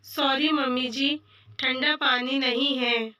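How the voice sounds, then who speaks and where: A woman voicing a patient young daughter-in-law who speaks politely and gently, reading a little off-mic. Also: high-pitched, steady tone, slow pace, recorded from a distance, full character voice. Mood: gentle.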